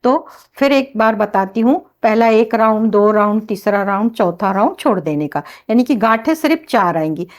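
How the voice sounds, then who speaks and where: A woman demonstrating and explaining a healing ritual step by step, in a slow, instructive manner. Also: mid-range voice, lively intonation. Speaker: healing teacher.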